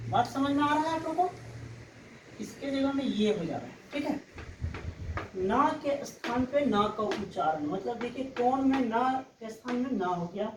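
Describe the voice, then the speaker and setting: Female teacher, slow patient lecture, slightly high voice, roomy distant mic; read as a lesson. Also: noisy background. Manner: slow, explanatory, often checks with "ठीक है". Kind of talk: exam-prep lecture. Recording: echoey room, mic far off.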